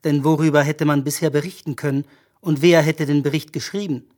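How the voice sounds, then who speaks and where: A narrator reading a story for an audiobook in a measured, even-paced manner. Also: mid-range voice.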